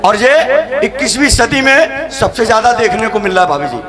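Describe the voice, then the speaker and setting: A man's voice: extremely high pitch, lively intonation, moderate pace. A man from Agra, a devotional night-vigil singer and compere, telling comic stories to a live crowd in a chatty, joking way and often laughing. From Agra, India. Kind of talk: comic storytelling to a live audience. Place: outdoor or tented stage at a religious night vigil. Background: live band music.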